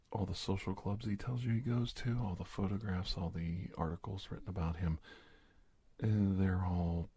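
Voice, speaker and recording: A man with a deep voice plays a reassuring government agent in a heavily acted ASMR roleplay, with no echo on the recording. His delivery is breathy, gravelly, hesitant and gentle, frequently falling toward a whisper, and the mood is earnest and grave, yet the character comes across as calm.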